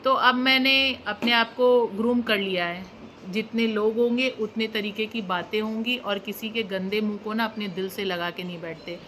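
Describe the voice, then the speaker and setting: A woman's voice: medium pitch, steady tone, moderate pace, a bit bright, a little hiss or hum. A woman YouTube reaction creator ranting straight to camera, scolding and indignant, repeating phrases for emphasis. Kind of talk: emotional direct-to-camera rant.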